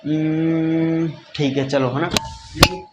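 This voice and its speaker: A man's voice: on the high side, fairly quick, heavy background noise. A man teaching a science lesson, repeating points and often asking if students have understood. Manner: repetitive, addresses students as "beta", asks frequent checking questions. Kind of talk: classroom lecture with whiteboard.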